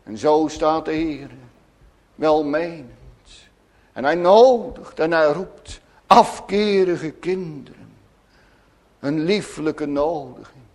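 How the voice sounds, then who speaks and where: A man preaching a sermon, swinging between loud urgent pleading and soft hushed asides. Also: on the high side. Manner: slow, deliberate preaching. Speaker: pastor.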